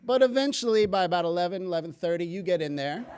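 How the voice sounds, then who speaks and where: A man giving a public talk to an audience, telling stories with jokes in an energetic way. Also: high voice, fast, a little hiss or hum. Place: lecture hall.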